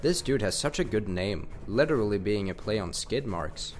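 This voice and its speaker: Lower-voiced male YouTuber, scripted ranking voice-over, casual, faint music bed. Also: animated, normal speed. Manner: enthusiastic, casual slang. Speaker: video game YouTuber. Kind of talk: scripted countdown narration.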